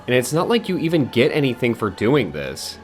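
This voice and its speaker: A man's voice: medium pitch, very animated, brisk, faint music behind. A man giving a scripted, blunt and exasperated game critique as a video essayist, swearing now and then.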